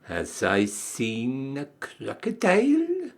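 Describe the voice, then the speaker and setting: A man voicing a scornful python snake in a storybook reading, with drawn-out disdain. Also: medium pitch, wildly swooping pitch, heavily acted. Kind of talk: storybook character voice.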